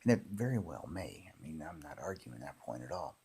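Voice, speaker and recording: Very husky, gravelly middle-aged man, low-pitched. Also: big pitch swings, dark tone. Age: 50s. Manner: unhurried, halting, reminiscing. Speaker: pipe hobbyist and former tobacco shop worker. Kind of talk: rambling casual monologue.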